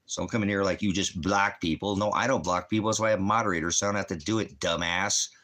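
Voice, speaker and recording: A deep-voiced man teaches on a livestream at a quick pace, his tone steady and fairly bright. The ministry teacher and host rambles through Bible teaching and chats with commenters from home by a fireplace, blunt and challenging, asking and answering his own questions.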